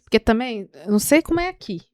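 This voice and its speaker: Lively, laughing woman telling stories. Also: on the high side, quick pace, no room sound, studio quality. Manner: animated storytelling, acting out quotes and laughing often. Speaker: podcast co-host; mother of a small son. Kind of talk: casual faith-based chat.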